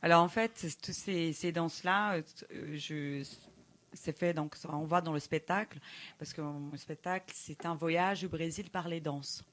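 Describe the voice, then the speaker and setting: A woman from Brazil with a Brazilian accent, explaining things as an interview guest in halting French with small grammar slips and a foreign accent. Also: deep voice, fairly even intonation. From Brazil, Belém in the Amazon region. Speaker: guest, dancer and show creator.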